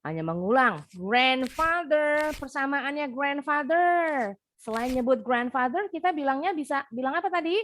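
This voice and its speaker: A woman's voice: sits high, animated, moderate pace, a bit bright, slight background noise. A young woman with an Indonesian accent teaching an English class over a video call, patiently explaining and repeating words for pronunciation.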